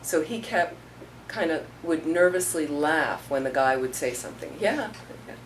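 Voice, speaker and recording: A middle-aged woman with a deep voice and lively intonation gives an informal Buddhist talk at a moderate pace. As a teacher, she shares stories conversationally and acts out people's words, heard on a distant mic with faint room noise.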